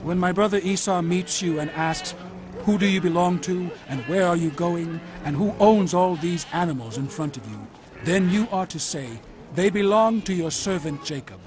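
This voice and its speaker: A man's voice: sits high, moderate pace, close to an everyday voice. An actor playing Jacob as an anxious, humble herdsman patriarch in a Bible audio drama, solemn and earnest, with music behind him. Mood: careful, commanding.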